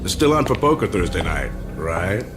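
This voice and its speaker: A man's voice: deep voice, sing-song, normal speed, music in the background. An actor playing a friendly male cop colleague who teases his partner in an easygoing way. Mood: teasing. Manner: teasing, easygoing.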